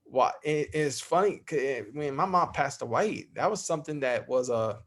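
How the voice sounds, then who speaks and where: A man's voice: fairly high pitch, expressive, normal speed, fairly bright tone. A middle-aged man speaking as a podcast guest in candid interview talk, heartfelt and freely swearing.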